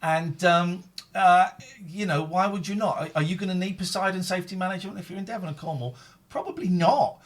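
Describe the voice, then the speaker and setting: A man's voice: sits high, fairly quick. A man with a British accent hosting a live phone-in show in casual, rambling chat, often repeating his phrases.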